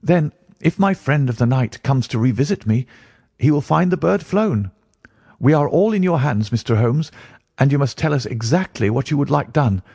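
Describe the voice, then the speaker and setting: A man's voice: medium pitch, lively intonation, normal speed, gravelly, a little mellow, husky, dry recording, studio quality, voice pushed up. A man voicing a weak, eager young male client who is recovering from illness, speaking politely.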